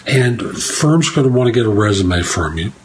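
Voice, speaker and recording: A man hosting his own career podcast, speaking in a relaxed monologue full of advice and uneven pacing. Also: fairly low pitch, normal speed, a little hiss or hum, poor audio. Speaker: podcast host and career advisor.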